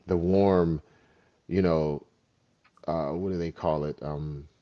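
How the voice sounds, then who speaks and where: A man's voice: a bass voice, fairly even intonation, slow. A man, an actor, reflecting and telling stories in a casual conversation. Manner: reflective, storytelling. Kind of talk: casual chat. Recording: dull lo-fi sound.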